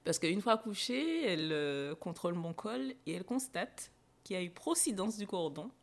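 A woman's voice: mid-range voice, sing-song, moderate pace, vocal fry. A young adult woman, a podcast guest, recounting a personal experience with hesitations, fillers and emotion. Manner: hesitant, frequent fillers and restarts. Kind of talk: personal storytelling in a podcast interview.

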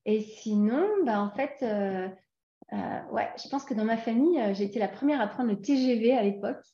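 A woman's voice: on the high side, moderate pace, warm tone. Hesitant woman in a roomy, dull recording. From France. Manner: hesitant, many fillers and restarts. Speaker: guest. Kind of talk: casual interview chat.

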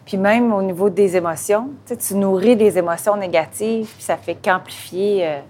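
A woman's voice: mid-range voice, moderate pace, a little mellow. Woman host asking questions. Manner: short interjections, follow-up questions. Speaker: podcast host. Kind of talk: live podcast interview.

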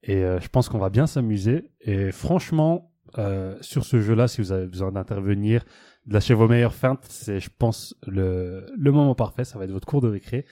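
A man's voice: on the low side, dark tone, dry recording. Young man reading a quiz, dry sound. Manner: joking, reads quiz questions aloud. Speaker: podcast co-host running a quiz game. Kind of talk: casual podcast chat.

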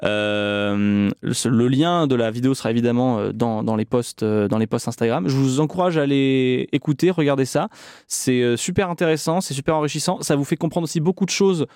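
A man's voice: mid-range voice, a little fast, a little mellow, clean tone, no room sound, studio quality. A man hosting a casual talk show, with a hesitant delivery full of restarts. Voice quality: hesitant, many fillers and restarts. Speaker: podcast host. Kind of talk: casual chat.

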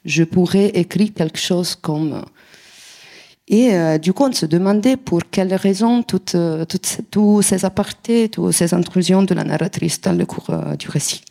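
A woman's voice: fairly low pitch, moderate pace, gravelly, few pauses, dark tone. A woman from a reading group explaining her group's observations about a novel, with frequent hesitations. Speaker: student reader asking a question. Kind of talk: prepared question with quotes read aloud.

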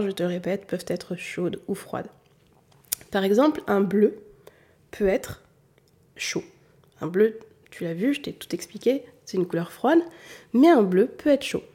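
A woman with a warm, mellow and slightly husky voice gives a patient lesson, speaking straight to the viewer. She comes from southern France and keeps only a faint trace of a southern French accent. She often circles back to repeat her main points. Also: mid-range voice. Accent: southern French, mostly hidden. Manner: patient, addresses the listener directly, repeats key points. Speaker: colour analysis consultant. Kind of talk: explanatory talk to the viewer.

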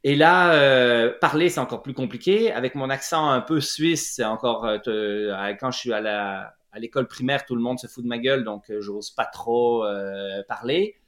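A man's voice: mid-range voice, normal speed, few pauses, a bit bright. A middle-aged man with a Quebec French accent, telling his story as an interview guest, hesitant with many fillers and restarts. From Quebec, Lac-Saint-Jean. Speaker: guest, running clinic founder. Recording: roomy echoey room.

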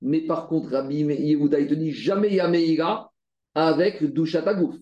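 A man's voice: fairly high pitch, fairly even intonation, moderate pace, warm tone, dull audio. A man teaching a Talmud study lesson. He explains the text step by step, repeats his phrases and asks rhetorical questions. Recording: roomy echo.

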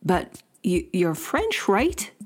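A man's voice: high-pitched, wildly swooping pitch, very slow, faint music behind, exaggerated voice. A woman doing a chatty neighbor man. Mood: curious. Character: friendly Canadian male neighbor, curious and upbeat.

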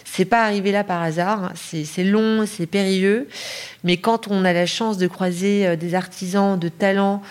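A woman's voice: mid-range voice, fairly even intonation, moderate pace, darkish tone, smooth. A middle-aged woman from Paris, a designer answering podcast interview questions with many fillers and restarts. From Paris, France. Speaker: lighting designer, guest.

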